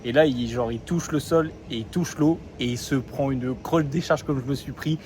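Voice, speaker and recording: A man's voice: medium pitch, moderate pace, darkish tone. A young man from France chatting in a casual diary vlog, talking loosely with many fillers and slang. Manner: rambling, lots of fillers and slang. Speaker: vlogger. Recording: phone vlog with street noise.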